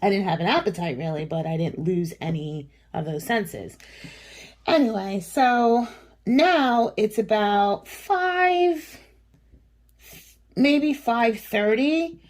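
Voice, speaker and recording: A woman's voice: mid-range voice, animated, slow, darkish tone. A woman in her forties telling a long personal story in a casual chat, rambling with many fillers and frequent laughs. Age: 40s. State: recovering from a cough and sore throat. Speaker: vlogger.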